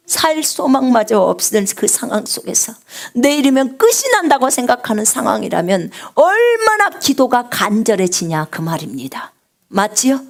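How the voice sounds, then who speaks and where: A woman missionary preaches a live sermon on prayer in a big, resonant singer's voice, posing questions to the congregation and answering them herself. She swings from loud cries to hushed whispers, her voice on the high side with vocal fry.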